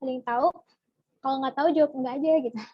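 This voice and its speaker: A young female biology tutor, high and bright-voiced, races through a relaxed online lesson, chatting, asking viewers questions and answering them from the chat. The audio is dry, slightly dull and echo-free, like a basic home setup.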